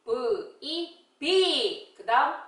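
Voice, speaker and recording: A woman teaching English phonics, sounding out words slowly, syllable by syllable. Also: high voice, very animated, fairly bright tone, distant mic. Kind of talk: slow instructional phonics lesson. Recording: very echoey room, voice a bit off-mic.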